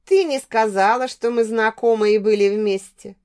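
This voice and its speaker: A woman's voice: on the high side, fairly even intonation, normal speed, a little mellow, clear, resonant tone, lightly acted. A woman voicing a drunk, aggressive young man who taunts his ex-girlfriend, in an audiobook. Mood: taunting. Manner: taunting, sneering.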